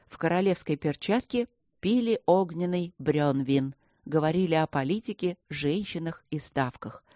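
A woman narrating a fantasy audiobook in an even storytelling manner, close to the mic. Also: on the low side, dry recording. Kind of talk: scripted narration.

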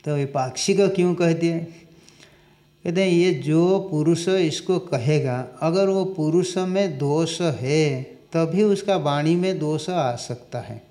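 A man giving a scripture lecture, reciting Sanskrit lines slowly and explaining them, asking questions and answering them himself. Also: on the high side, warm tone. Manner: slow and deliberate, recites Sanskrit and explains it in Hindi. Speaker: Vedanta teacher.

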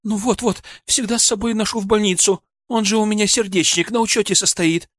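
A woman's voice: medium pitch, fairly even intonation, a little fast, no echo, studio quality, voice pushed up, natural voice. A man doing a trembling, frightened wife in her fifties. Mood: tearful. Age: 50s. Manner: trembling, anxious pleading. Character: frightened middle-aged wife of a patient.

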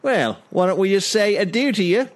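A man voicing a brash cockney-style carpenter in an improvised comedy podcast sketch, loud and laughing. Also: medium pitch, expressive, quick pace, slightly rough. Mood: blustering. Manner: loud, laughing, mock working-class bluster. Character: brash cockney-ish male carpenter of the Eyrie.

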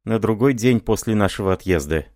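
A man voicing a distraught, frightened young married woman, speaking softly and pleadingly. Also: fairly low pitch, expressive, a little fast, no room sound, clean studio sound, lightly acted. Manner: soft, trembling pleading.

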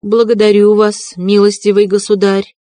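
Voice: fairly even intonation, measured pace, no room sound, natural voice. A reader voicing a proud, frantic impoverished widow, raised and strained, in an audiobook reading. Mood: haughty. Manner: haughty then shrill and desperate.

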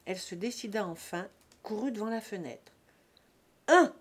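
A woman reading a classic novel aloud in a measured, dramatic narration. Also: medium pitch, a little mellow, slightly rough. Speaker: audiobook reader.

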